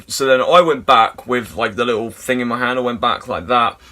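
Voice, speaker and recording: A young man, rambling through an absurd comic story with lots of swearing and deadpan asides. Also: medium pitch, normal speed.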